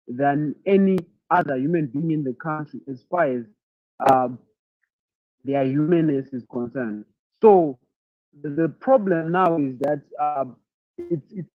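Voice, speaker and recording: A man from Zimbabwe answering questions in an online masterclass, thoughtful and halting, often repeating words as he searches for them. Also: on the high side, no echo. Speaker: leadership speaker answering questions. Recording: tinny phone-like audio.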